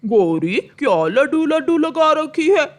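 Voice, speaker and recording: Male crow, crafty and lazy, played by a woman; slow, singsong, fairly high delivery. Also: big pitch swings. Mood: teasing. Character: lazy sly male crow husband, Kalu. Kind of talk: Hindi cartoon voice acting.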